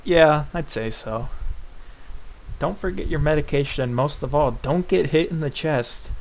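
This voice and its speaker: A man casually reads a visual novel aloud in the first person, breaking off now and then for joking asides. His voice is on the high side and a little slow, and the recording is low quality.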